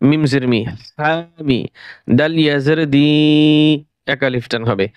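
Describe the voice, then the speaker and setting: A man teaching Quran reading, spelling out each syllable and then drawing the whole word out slowly. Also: fairly high pitch, smooth, no room sound, lo-fi sound. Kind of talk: recorded recitation lesson.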